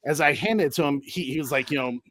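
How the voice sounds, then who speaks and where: A man's voice: on the high side, quick pace, fairly bright tone, no echo, studio quality. A man in his thirties, a podcast guest, telling stories in a rambling, easygoing way with many fillers. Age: 30s. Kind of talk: casual chat.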